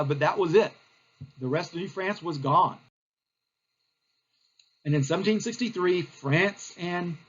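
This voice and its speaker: A man's voice: on the high side, husky, lo-fi sound. A male teacher, giving a recorded history lecture in a plain, explanatory way with frequent fillers.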